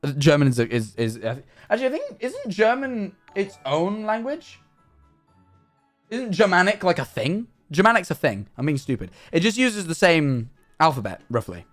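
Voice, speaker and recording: A young man streaming live, chatting in a rambling, animated, self-mocking way. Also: fairly high pitch, moderate pace, faint music behind. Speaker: livestreamer. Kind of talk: casual stream chat.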